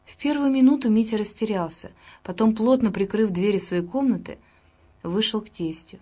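A woman narrating an audiobook in a calm, even reading. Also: medium pitch, moderate pace.

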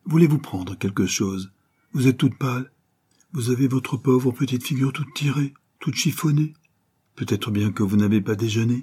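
A man reading an audiobook, voicing a voluble, kindly older woman who runs a boarding house, gushing and effusive with breathy asides. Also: medium pitch, normal speed, dark tone, voice pushed up, lightly acted. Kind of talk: audiobook character voice.

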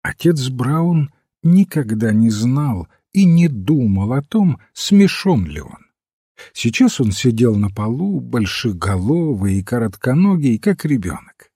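A man narrating a story in a measured, expressive way. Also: medium pitch, breathy edge, no room sound, clean studio sound. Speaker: audiobook narrator. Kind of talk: scripted narration.

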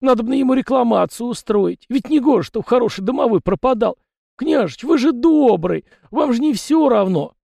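A man's voice: very high-pitched, animated, moderate pace, vocal fry, mellow, no room sound, pitched above the performer's own voice, heavily acted. A man voicing a fussy, garrulous male household spirit who talks in rustic folksy speech. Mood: wailing.

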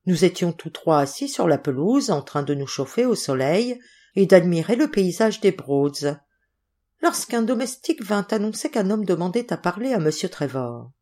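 A woman narrating an audiobook story in a measured, expressive reading. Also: on the low side. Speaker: audiobook reader.

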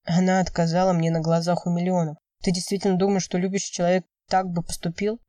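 A woman voicing a heartbroken, withdrawn young man who speaks quietly in an audiobook. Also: lowish voice, little pitch movement, fast talker, no echo, far from the mic, close to an everyday voice. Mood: weary. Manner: quiet, weary, subdued.

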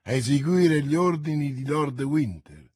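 A man's voice: on the high side, animated, unhurried, darkish tone, slightly rough. A man voicing a grim, resolute young officer in an audiobook reading. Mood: calm.

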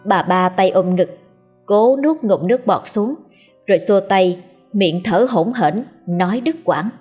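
A woman narrating a horror story in a slow, measured way. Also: mid-range voice, expressive, dark tone, breathy edge, faint music behind.

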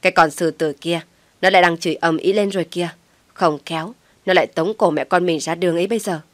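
A woman's voice: fairly low pitch, steady tone, dry recording, close to an everyday voice. A woman doing a fretful old mother. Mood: anxious. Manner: fretful, hurried. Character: worried anxious old mother Khánh.

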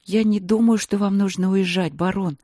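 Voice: mid-range voice, fairly even intonation, moderate pace, no room sound, studio quality, pitched above the performer's own voice, natural voice. A reader doing a young princess. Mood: resolute. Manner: soft, plaintive, at times whispering. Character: young princess, frightened yet bold. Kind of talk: audiobook reading.

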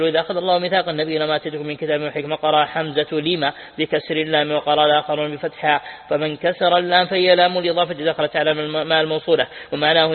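Rapid flat-voiced man reading a religious text. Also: fairly high pitch. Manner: rapid, flat recitation with self-corrections. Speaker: sheikh reading and commenting on Quran exegesis. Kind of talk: fast classical Arabic text reading. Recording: tinny lo-fi audio in a reverberant hall.

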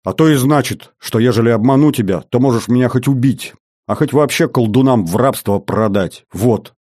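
A man's voice: mid-range voice, normal speed, darkish tone, dry recording, clean studio sound, natural voice. A man voicing a cheeky young boy who pleads and makes promises. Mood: pleading. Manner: pleading, promising, then meekly grateful.

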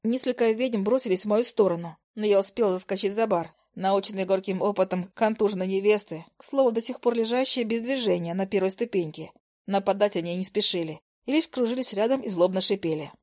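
A woman narrates a first-person fantasy audiobook at a mid pitch, reading briskly and expressively. Her voice carries the action lively and clear, with steady storytelling energy.

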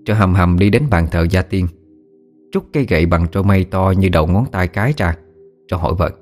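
A man narrating a story as an audiobook reader, steady and expressive. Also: sits low, fairly quick, soft background music.

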